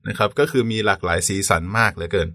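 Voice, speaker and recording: A man co-hosting a podcast in a conversational lecture style, polite and quick to affirm. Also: lowish voice, sharp tone, no echo, studio quality. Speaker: podcast co-host.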